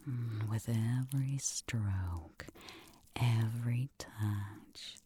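A woman whispering an ASMR roleplay close to the mic, with a breathy, teasing and dominant way of speaking. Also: extremely low pitch, warm tone, slight background noise. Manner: slow, teasing, dominant murmuring close to the ear.

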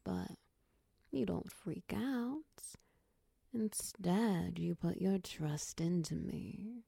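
A woman breathes life into a doting, possessive serpent-tailed mother figure who whispers right at your ear. Her hushed voice is husky and dark, with a deep crackle of vocal fry. She draws every coaxing, soothing phrase out at an unhurried crawl. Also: no room sound, clean studio sound, exaggerated voice. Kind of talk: ASMR whispered roleplay.

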